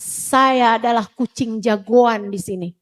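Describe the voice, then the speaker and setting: Cocky house cat voiced by a woman preacher, haughty and taunting, slow-spoken, pitched lower than her own voice. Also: lightly acted. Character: cocky defiant house cat, proud and threatening. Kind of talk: storytelling in a sermon.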